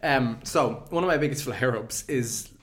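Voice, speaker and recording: A man's voice: mid-range voice, normal speed, a bit bright. A man with an Irish accent co-hosting a podcast, telling anecdotes in casual, jokey banter. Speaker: podcast co-host.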